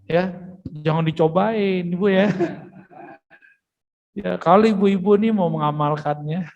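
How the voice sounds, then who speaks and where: A man's voice: sits high, a little slow, creaky, a little mellow, long reverb tail, lo-fi sound. A man giving a religious study lecture, telling stories with casual, joking asides to his listeners. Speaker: preacher giving a mosque study session. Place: mosque hall.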